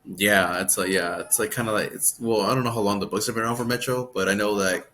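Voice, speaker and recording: Guy with a lowish voice rambling about upcoming games on a podcast, trails off a lot. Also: steady tone, pushed and bright, a little hiss or hum. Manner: rambling and halting, trails off mid-thought. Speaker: podcast co-host. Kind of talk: casual chat about video games.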